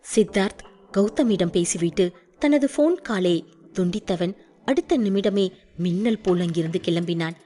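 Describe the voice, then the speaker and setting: A woman narrating an audiobook with expressive storytelling. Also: lowish voice.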